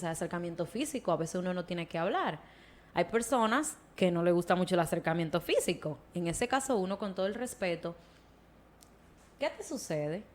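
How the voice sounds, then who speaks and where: Woman, psychologist guest, casual podcast talk, explanatory. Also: on the low side. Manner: explanatory, slips into acted quotes.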